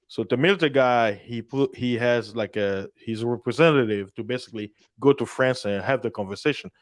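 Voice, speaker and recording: A man in casual political discussion, telling a story in an animated way and acting out the voices of the people he quotes. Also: mid-range voice, fairly quick, no room sound, studio quality.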